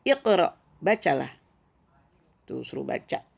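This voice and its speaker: A woman from Indonesia teaches a casual lesson at an unhurried pace. Her voice has a gravelly fry, and she sounds out each phrase with care before slipping into quick, chatty remarks. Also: low-pitched, very animated. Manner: reads Arabic phrases slowly and clearly, then chats quickly in asides. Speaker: Arabic teacher.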